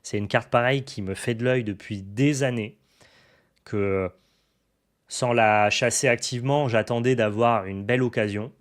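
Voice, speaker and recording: Showing his new card purchases to the camera, a young man who runs a card-collecting YouTube channel talks in an eager, chatty way, full of fillers and restarts. He speaks at normal speed in a mid-range voice with a steady tone.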